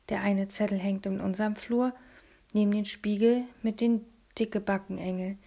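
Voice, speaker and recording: A woman reading a first-person audiobook in a hushed, confiding manner, often dropping to a half-whisper. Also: medium pitch. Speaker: audiobook reader.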